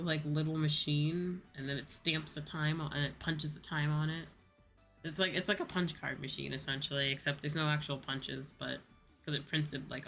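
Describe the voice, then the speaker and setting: This VTuber livestream host is a young woman with a low, fairly bright voice, chatting casually while background music plays. She comes across as sleepy, wandering from thought to thought and playfully saying things twice.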